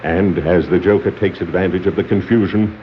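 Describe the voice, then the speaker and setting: A man with a low-pitched, natural voice gives formal, portentous scripted narration for a 1960s dramatic adventure record, keeping a steady tone at a moderate pace. It sounds like a dull 1960s vinyl, with a little hiss or hum.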